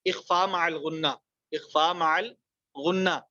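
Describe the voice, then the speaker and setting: A man teaching a Quran recitation lesson online, explaining rules quickly and then reciting example words slowly and drawn out. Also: a little high, steady tone, bright, forceful tone, dry recording, lo-fi sound.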